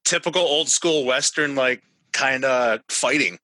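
Frat bro dude, kinda low bright punchy voice, sweary casual podcast chat, dry sound. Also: male voice, a little slow, dry recording. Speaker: wrestling podcast co-host. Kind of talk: casual, profane wrestling chat.

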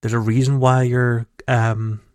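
His mid-range, slightly mellow voice moves at a measured pace with a flat delivery as he co-hosts a casual gaming podcast, rambling and restarting often with many fillers. The raw, dry home audio comes from a computer mic on a call, with no echo.

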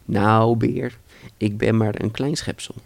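A man's voice: on the low side, fairly even intonation, slow, vocal fry, dry recording. A man reading a small plucky bee. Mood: confident. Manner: plain storybook reading.

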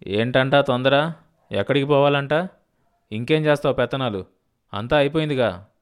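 A man's voice: mid-range voice, moderate pace, close to an everyday voice. A man voicing a bitter, ruined middle-aged landowner who talks curtly and mockingly to his wife. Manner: curt and mocking.

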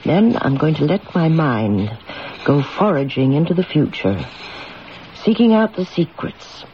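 A woman's voice: low voice, very animated, unhurried. A coaxing, commanding woman with a dramatic fortune-teller delivery. Her intonation rises and falls widely in true radio drama fashion. The recording is dull, with some hiss. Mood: theatrical, knowing. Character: theatrical woman therapist and former fortune teller, assured, coaxing.

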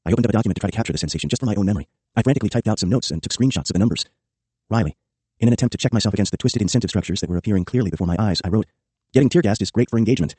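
Male audiobook narrator, low mellow husky voice, very fast memoir read. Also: dry recording. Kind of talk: scripted first-person memoir narration.

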